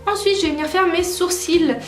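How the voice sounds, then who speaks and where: A young woman with a high, light voice talks her viewers through her makeup in a relaxed, chatty way, often pausing on fillers and correcting herself. Her voice rings in a roomy space, with faint music playing underneath. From France. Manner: chatty, many filler "euh" and self-corrections. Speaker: beauty vlogger. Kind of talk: casual makeup tutorial chat. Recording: roomy echo with soft music behind.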